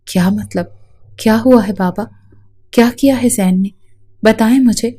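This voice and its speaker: A distraught young wife pleads through her tears, voiced by a woman reading the story. The tone is mellow and low-lit rather than bright. It is delivered as part of a spoken storybook. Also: breathy edge. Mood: distressed. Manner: pleading, tearful.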